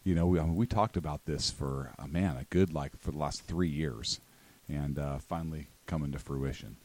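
A man chatting casually on the radio in a halting, deadpan way. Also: extremely low pitch.

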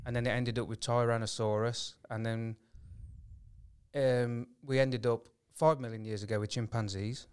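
A man in a casual podcast chat, reminiscing and reading facts aloud haltingly. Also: mid-range voice, flat delivery, smooth.

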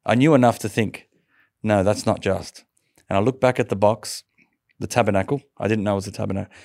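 Gravelly low-voiced man. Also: no echo, clean studio sound. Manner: lively storyteller, laughs often, stumbles and restarts. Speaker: interview guest. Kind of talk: telling a personal conversion story.

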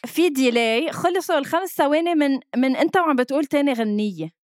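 A woman's voice: sits high, fast, dry recording, studio quality. A woman with a Lebanese Arabic accent in casual, playful chat, dropping English words into her talk.

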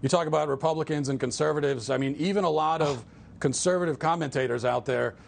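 Gravelly guest, earnest and halting. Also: male voice, on the high side. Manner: earnest, halting with repeated restarts. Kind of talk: political interview.

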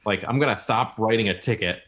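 A man's voice: on the low side, fairly quick, fairly bright tone, slight background noise. A man chatting casually about a movie, rambling and using many fillers.

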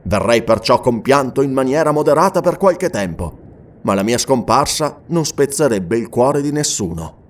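A man voicing a restless, adventurous English gentleman in an audiobook, talking in a lively, emphatic, raised voice. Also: mid-range voice, normal speed, close to an everyday voice. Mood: earnest. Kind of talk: audiobook character reading.

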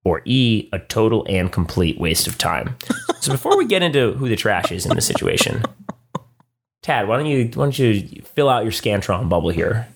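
A man's voice: on the low side, very animated, normal speed, slight background noise. A man co-hosting a casual podcast, reading listener emails in a laid-back way with lots of ums and uhs. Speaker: podcast co-host. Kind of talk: casual chat.

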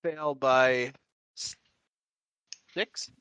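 A man playing a tabletop game talks slowly and haltingly, with restarts. His voice is bright, and the recording is dry. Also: mid-range voice, fairly even intonation, clean tone, no echo. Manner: hesitant, halting. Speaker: player.

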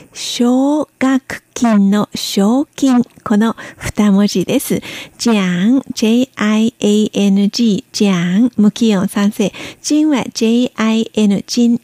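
Slow, mellow-voiced woman teaching Chinese. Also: mid-range voice, no echo. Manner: patient, spells out pinyin and tones. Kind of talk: slow careful language lesson.

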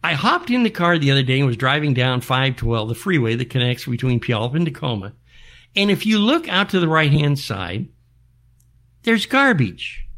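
A man's voice: mid-range voice, a bit bright. An older American man hosting a show, ranting in an exasperated, folksy back-in-my-day manner full of rhetorical questions. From United States. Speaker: show host. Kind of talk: back-in-my-day style rant monologue.

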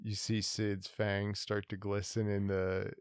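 A man's voice: fairly low pitch, monotone, slow, clean tone, no room sound, clean studio sound. A man who plays a tabletop game, casually narrating what his character does.

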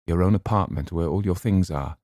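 A man's voice: sits low, a little fast, dark tone, dry recording, clean studio sound, natural voice. A man voicing a young woman who speaks firmly and patiently. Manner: patient, firm. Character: firm but blunt young woman friend.

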